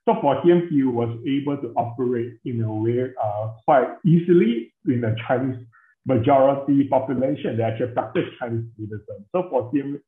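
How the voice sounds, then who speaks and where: Measured scholar man on a tinny line. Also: medium pitch. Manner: measured, hesitant, full of fillers and hedges. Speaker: interviewed scholar. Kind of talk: academic interview answers. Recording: tinny, echoey call audio.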